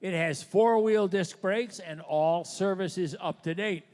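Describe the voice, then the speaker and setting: A man's voice: high voice, measured pace, a little mellow. A man announcing auction lots in a descriptive, partly read presentation. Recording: long hall reverb.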